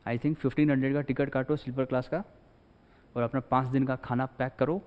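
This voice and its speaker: A man's voice: mid-range voice, flat delivery, moderate pace, a little mellow. Guy teaching a class, chatty, acts out little bits, voice kinda echoing in a big hall. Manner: chatty, mixes Hindi with English, acts out little scenes. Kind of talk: classroom lecture. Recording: long hall reverb.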